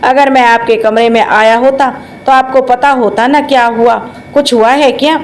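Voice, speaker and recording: A woman's voice: fairly high pitch, fairly even intonation, moderate pace, slight background noise, close to an everyday voice, rough recording. A woman voicing an anxious young man of the household in a storybook tale, speaking earnestly and nervously.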